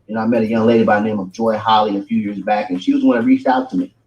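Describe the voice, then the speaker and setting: Low-voiced man giving a hyped business pitch. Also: fairly even intonation, racing, a little mellow, highs cut off. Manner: hype, repeats "right?" and "guys". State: losing his voice. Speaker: presenter on a business call. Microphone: video call.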